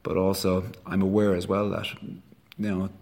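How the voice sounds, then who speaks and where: A man's voice: low voice, little pitch movement, moderate pace, creaky, darkish tone. A man in his thirties with a west of Ireland accent, giving earnest, rambling, colloquial answers in an interview. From Galway, west of Ireland. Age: 30s. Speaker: rugby sports staff member, coach.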